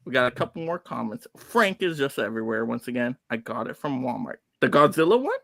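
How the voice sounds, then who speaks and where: A man hosting a casual live-streamed award show, animated and playfully teasing as he builds things up. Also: medium pitch, a little fast, vocal fry, no echo. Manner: animated, exclaiming.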